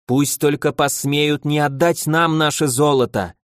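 Domineering aristocratic wife, read by a man, higher and bossy, commanding, storybook reading. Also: fairly even intonation, measured pace, no echo, clean studio sound, natural voice. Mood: scornful. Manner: bossy, sharp, insistent. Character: domineering noblewoman, ambitious scolding wife. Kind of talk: audiobook character voice.

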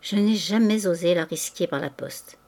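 A woman's voice: lowish voice, moderate pace, darkish tone, natural voice. Brief: woman narrator as an earnest, worried widow, audiobook. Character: anxious, devout widow and guardian. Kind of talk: audiobook reading.

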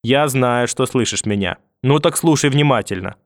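A man's voice: medium pitch, moderate pace, dry recording, clean studio sound, close to an everyday voice. A man reading an audiobook and voicing a furious, vicious old grandmother who scolds, curses and threatens. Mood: threatening.

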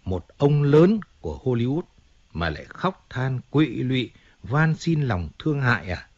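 A cold, commanding old crime boss, as a male narrator reads him, gruff and scornful. The voice has an ordinary male pitch. The audio has a slightly muffled, dull tone. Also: lively intonation, moderate pace, close to an everyday voice. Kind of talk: audiobook character reading.

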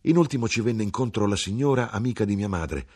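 Deep husky male audiobook narrator. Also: fairly quick. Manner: expressive, theatrical reading. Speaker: audiobook reader.

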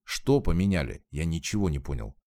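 A man's voice: a bass voice, big pitch swings, brisk, dark tone, exaggerated voice. A man reading aloud, voicing a bewildered young male doctor who asks puzzled questions. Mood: baffled.

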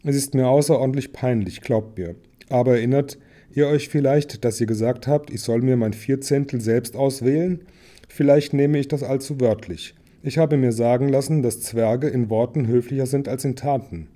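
Man putting on nervous hobbit, apologetic, fussy, dark voice. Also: mid-range voice, moderate pace, voice pushed up, close to an everyday voice. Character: frightened small male hobbit, fussy.

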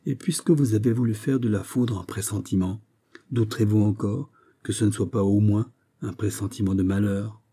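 A man's voice: fairly low pitch, fairly even intonation, normal speed, dark tone, slightly rough. A man reading aloud who voices an ardent, gallant young king with earnest insistence.

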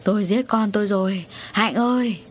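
A woman's voice: medium pitch, moderate pace, a little hiss or hum, close to an everyday voice. A woman voicing a guilt-stricken middle-aged father in an audio story. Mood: anguished. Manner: anguished, pleading.

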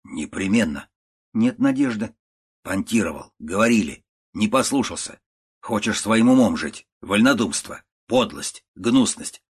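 A man reading a storybook, voicing a calm, stern old uncle who talks in short clipped phrases. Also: on the low side, unhurried, husky. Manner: clipped, curt phrases, quiet and level.

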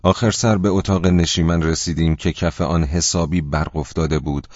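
A man narrating an audiobook in a measured, even storytelling manner. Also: low voice, no echo, highs cut off.

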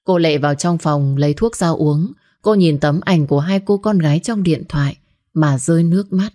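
A woman's voice: low voice, moderate pace, mellow. A woman narrating an audio story and voicing every character herself.

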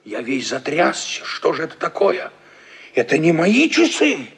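A man reading a story aloud in the first person, with expressive storytelling. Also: on the high side, measured pace, breathy edge. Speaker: reader.

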